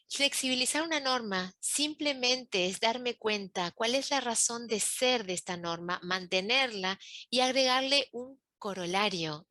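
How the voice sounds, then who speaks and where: A woman's voice: fairly high pitch, pushed and bright, dry recording. A woman coach, giving a webinar talk and explaining step by step, often checking in with "¿sí?". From Uruguay. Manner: explanatory, asks rhetorical checks.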